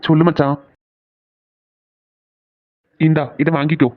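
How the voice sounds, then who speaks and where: A man voicing friendly, joking young men in a cartoon series, bantering quickly. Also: on the high side, flat delivery, close to an everyday voice. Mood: casual. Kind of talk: cartoon voice acting. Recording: tinny phone-like sound.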